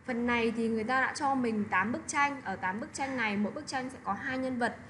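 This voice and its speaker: A woman's voice: fairly high pitch, a little fast, a bit bright, a little hiss or hum. A woman teaching an English lesson to children, who keeps checking in with little tag questions. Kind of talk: online lesson explanation.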